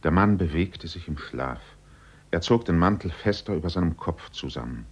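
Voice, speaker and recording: A man with a very deep, husky voice reads a story aloud in a slow, measured way. The narration is scripted and unhurried. The recording sounds dull and lo-fi. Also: lively intonation.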